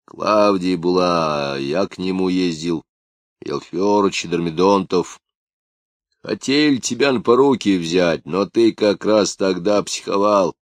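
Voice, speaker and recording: A man reading aloud, voicing a hearty working man who talks people round, loud and drawn out. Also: low voice, takes it slowly, no echo. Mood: coaxing.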